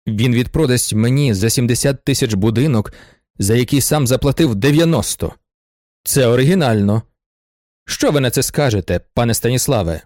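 Man voicing a worked-up old aristocrat, pitch all over the place, pompous and self-pitying, dry close mic. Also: no room sound, natural voice. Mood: flustered. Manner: excitable and theatrical, swinging between indignation and gushing gratitude. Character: agitated aging male aristocrat, proud and pitying himself.

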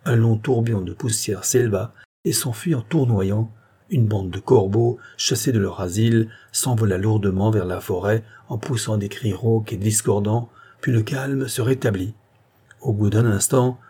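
A man narrating a classic novel in a measured, literary reading style. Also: lowish voice, warm tone, slightly rough. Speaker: audiobook narrator. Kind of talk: scripted narration.

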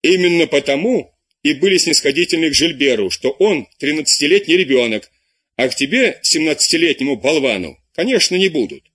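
Man plays furious elderly abbé tutor in an audiobook, husky, pitch swinging wildly. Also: lively intonation, fairly quick. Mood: scornful. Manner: shouting, indignant tirades. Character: furious older male abbé tutor, scolding.

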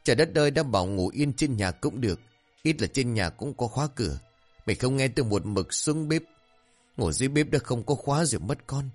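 A man's voice: medium pitch, fairly even intonation, fairly quick, a little mellow, faint music behind, voice pushed up, natural voice. A man voicing a frantic, grieving village wife who wails as she speaks. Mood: wailing. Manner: wailing, frantic.

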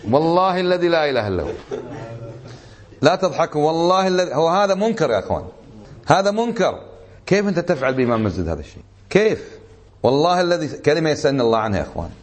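A man with a Kuwaiti Arabic accent, a sheikh teaching a religious lesson in a lively storytelling way, acting out the people he quotes. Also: fairly high pitch, very fast.

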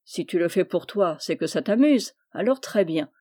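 A woman voicing an idle middle-aged male drunkard who talks in a calm, even, resigned way, in a read-aloud story. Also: on the low side, moderate pace. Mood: weary, resigned. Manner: calm, even, world-weary delivery.

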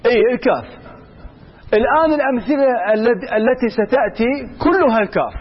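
Male teacher with a husky, animated voice quizzing a class; dull lo-fi sound. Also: very high voice, brisk. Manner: quizzes students with repeated examples. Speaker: grammar teacher. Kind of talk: classroom lesson.

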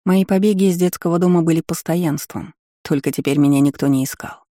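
A man reading a first-person audiobook in measured, even storytelling. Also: on the high side, no echo, clean studio sound. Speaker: audiobook reader.

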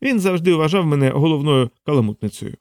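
A witty young woman who mocks and needles with every reply, as a male narrator puts her on. She sits noticeably higher than a plain male voice, lively and sly. The read is dry and close to the mic. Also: fast talker, no room sound. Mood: teasing. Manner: mocking, playful. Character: sharp-tongued young woman, teasing and witty.

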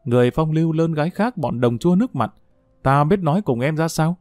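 Give me a man reading a boastful young male student who fancies himself a ladies' man, talking down to a younger friend in a mellow tone. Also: a little high, expressive, a little fast, no room sound, clean studio sound, close to an everyday voice. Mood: fretful. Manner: smug, lecturing a younger friend.

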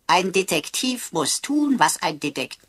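A woman's voice: fairly low pitch, very animated, normal speed, a bit bright, slight background noise. A woman voicing a quirky talking computer sidekick who speaks in playfully pompous, archaic phrases in a radio drama. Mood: mock-pompous.

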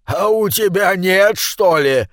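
A man's voice: high voice, lively intonation, slow, no room sound, studio quality, pitched above the performer's own voice. A man voicing a sly, teasing old uncle who drawls his remarks. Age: older.

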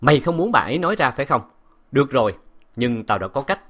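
A male reader voices a domineering, jealous husband in a spoken storybook. He barks harsh commands, and his pitch leaps about as he shouts. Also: sing-song, brisk. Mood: commanding.

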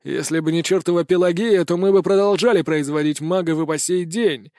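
A cold, rasping old schemer sneers through his confession in an audiobook, as a man reads him. The voice sits a little high, and the sound is dry and close. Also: brisk, mellow, dry recording, close to an everyday voice. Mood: sneering. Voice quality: rasping, scornful. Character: cruel old male high councillor, villain.

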